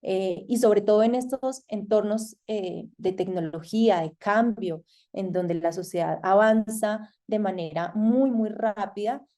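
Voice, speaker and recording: Colombian woman lecturer, soft mellow tone, measured and hesitant delivery, frequent pauses. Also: medium pitch. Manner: thoughtful, hesitant with frequent fillers. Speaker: masterclass lecturer. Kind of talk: online lecture.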